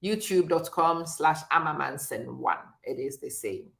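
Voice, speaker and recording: A woman's voice: low-pitched, lively intonation, measured pace, creaky, a bit bright, a little hiss or hum. A middle-aged woman from Ghana hosting a chatty live stream, talking directly to viewers and often laughing. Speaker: host.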